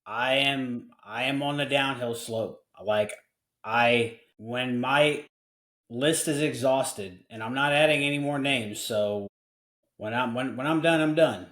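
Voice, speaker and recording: A forty-year-old man talks openly as host of a casual podcast. His voice sits at an ordinary pitch. He speaks earnestly and keeps circling back to restart his sentences. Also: slow, a bit bright, echoey room. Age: 40s. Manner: candid and earnest, with frequent restarts.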